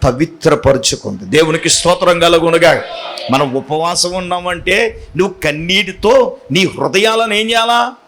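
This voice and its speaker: A pastor preaching a sermon in church, animated and teasing, calling on the congregation to answer aloud. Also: male voice, a little high, moderate pace.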